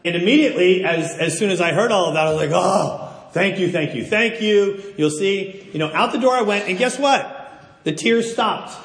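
A middle-aged man preaching a sermon, telling stories in an animated, self-deprecating way. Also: high-pitched, brisk. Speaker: pastor. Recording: roomy hall reverb.

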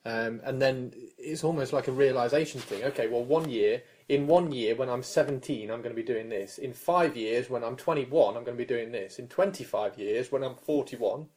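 Casual and musing, this forty-something British podcast host stumbles over figures as he works things out aloud. He speaks at a normal speed with hardly any pauses, in a medium-pitched, somewhat dark voice.

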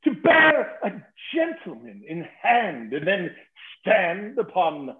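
A man's voice: high voice, huge pitch swings, takes it slowly, full character voice. A man playing a boastful, witty old knight, mocking and savoring his insults in a theatrical play reading. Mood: indignant. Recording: tinny phone-like sound in an echoey room.

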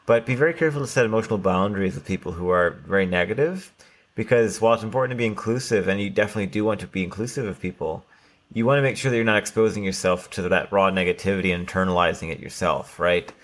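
A man's voice: lowish voice, quick pace. A man co-hosting a podcast, talking casually with lots of "like" and "right?" fillers. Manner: conversational, many fillers like "like" and "right?". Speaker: podcast co-host.

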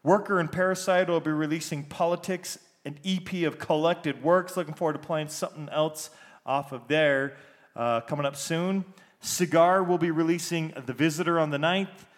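A man's voice: a little high, fairly even intonation, moderate pace. A man hosting a podcast, reading out new music releases in an informal way and spelling out names, with a big room echo on his voice. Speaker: podcast host. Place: echoey, stripped-out basement.

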